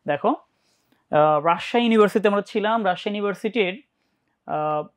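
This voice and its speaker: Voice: medium pitch, normal speed. A teacher with a Bangladeshi Bengali accent giving a live online English lesson for university admission tests, often checking in and asking students questions. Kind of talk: live online class lecture.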